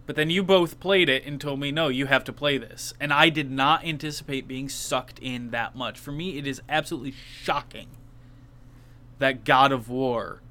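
Man, podcast co-host, casual game chat, bright tone, clean smooth voice, frank and sweary. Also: medium pitch, moderate pace. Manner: candid, swears casually, enthusiastic asides. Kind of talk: casual game-awards discussion.

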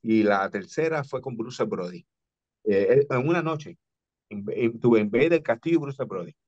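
A man's voice: mid-range voice, expressive, normal speed, darkish tone, no room sound. A man, a professional wrestler, recalling his career in casual chat, often repeating words as he starts. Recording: dull lo-fi sound.

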